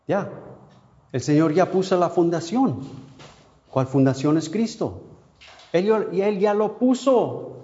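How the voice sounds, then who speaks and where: A male preacher delivers an emotional sermon at an unhurried pace. His voice is mellow and dark, falling soft and low before lifting again with feeling. The recording is dull and lo-fi. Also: lively intonation. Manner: emotional, swings between soft and loud with long pauses; non-native Spanish, asks how to say a word. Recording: dull lo-fi sound.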